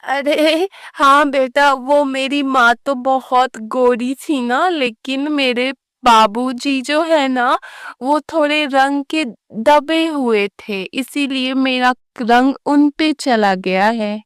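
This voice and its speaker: A woman's voice: high voice, slow pace, fairly bright tone, clean tone, dry recording, studio quality. A woman voicing an older neighbour aunt in a cartoon story, fussy and easily offended.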